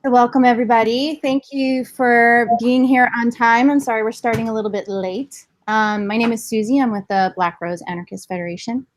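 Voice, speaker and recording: A woman moderating a panel at an event, introducing the speakers with frequent ums in a relaxed, friendly way. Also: a little high, normal speed, few pauses. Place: indoor event room.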